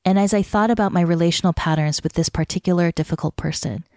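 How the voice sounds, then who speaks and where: A woman reads a devotional piece aloud in a calm, measured way. Her voice sits low and warm in tone. The recording is close and dry, with no room sound. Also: no room sound. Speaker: narrator reading a devotional article. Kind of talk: scripted narration.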